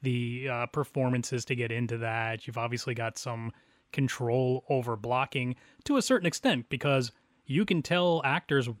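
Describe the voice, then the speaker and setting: A man co-hosting a talk show about community theater, chatting easily and laughing often. His voice sits at a middle pitch. It is recorded dry and close, with no room sound. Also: normal speed, no echo. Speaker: podcast co-host. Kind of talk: casual chat.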